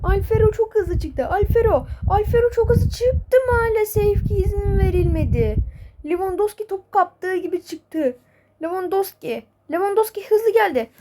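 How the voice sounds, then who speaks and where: A woman voicing an excitable football match announcer, calling the play and repeating player names. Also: extremely high pitch, moderate pace, slight background noise, voice pushed up. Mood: excited. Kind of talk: sports commentary role-play.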